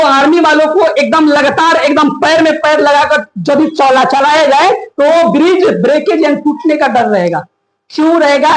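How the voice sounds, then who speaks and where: Animated high-voiced man teaching a class. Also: roomy sound, poor audio. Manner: questions the class often, animated. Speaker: English grammar teacher. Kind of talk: classroom lecture.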